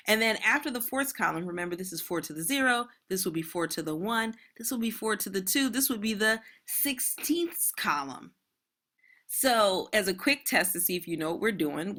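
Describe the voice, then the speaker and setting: A woman's voice: on the low side, a bit bright. A woman math teacher giving an online lesson in a casual, chatty way, talking straight to her students.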